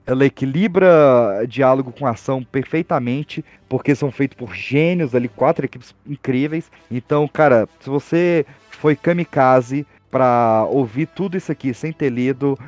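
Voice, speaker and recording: A man's voice: mid-range voice, normal speed, few pauses, a little mellow, dry recording, faint music behind. A young man with a Brazilian accent, talking casually and animatedly as a podcast guest, with slangy informal phrasing. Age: young adult.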